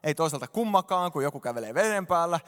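High-voiced man preaching in reverberant hall. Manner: animated, addresses congregation directly. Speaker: pastor. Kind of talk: sermon. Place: church hall stage.

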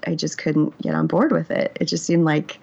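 A memoir author in her forties talks candidly and reflectively in an interview, hesitating with many fillers and restarts. Her voice is low, steady, gravelly, husky, and darkish at a moderate pace, and the audio is dull and lo-fi.

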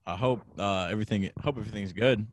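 A man's voice: lowish voice, fast talker, a little hiss or hum. A young man hosting an interview over a video call, talking loosely with slang and casual swearing. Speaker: interviewer, podcast host.

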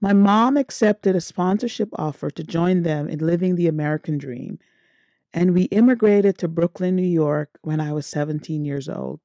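A middle-aged woman from Guyana, hosting a podcast and telling her own story in a measured, earnest way. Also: on the low side, mellow, no echo. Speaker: podcast host. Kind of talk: scripted personal monologue.

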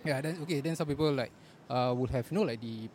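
Singaporean dude chatting casually, medium pitch, clipped singlish phrasing, noisy public spot. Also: male voice, fast, darkish tone. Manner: colloquial, clipped grammar with Singlish particles. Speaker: podcast co-speaker on beat making. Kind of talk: casual chat. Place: out and about in a public place. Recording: noisy ambience of a public place.

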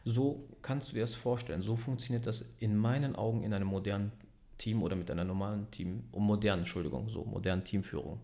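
A man's voice: fairly low pitch, quick pace, dark tone. Rambling man leading a team. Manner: rambling, self-correcting, frequent "ne?" tags. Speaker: business owner and team leader. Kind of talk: casual interview conversation.

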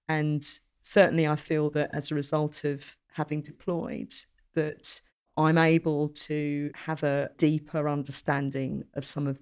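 A woman's voice: sits low, gravelly. A middle-aged woman from Essex, speaking reflectively and earnestly in an interview, repeating phrases for emphasis. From Essex, England. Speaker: podcast guest, journalist and army reservist.

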